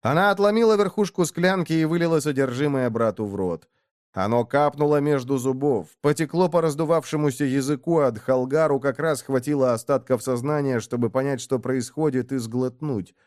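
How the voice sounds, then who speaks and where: A man reading an audiobook in a steady, even storytelling manner. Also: mid-range voice, normal speed, no echo, studio quality. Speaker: audiobook narrator. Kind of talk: scripted narration.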